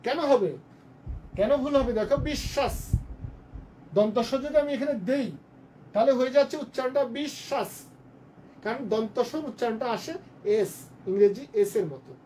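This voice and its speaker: A man teaching a live online class, patiently repeating each word slowly to drill its pronunciation. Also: very high voice, warm tone, a little hiss or hum. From Bangladesh.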